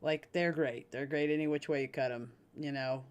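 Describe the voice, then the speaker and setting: A woman's voice: low voice, fairly even intonation, normal speed, darkish tone, smooth. A woman livestreamer chatting casually with her audience, frank and rambling, swearing freely and laughing often. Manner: laughs often between sentences. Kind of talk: casual chat with a live audience.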